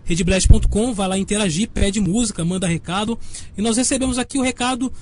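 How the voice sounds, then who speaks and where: A man's voice: high voice, fairly quick, a little mellow, slight background noise. A man with a Brazilian accent hosting a live web radio show, his voice clipping and distorted on an overdriven microphone as he chats casually and reads out listener messages. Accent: Brazilian Portuguese.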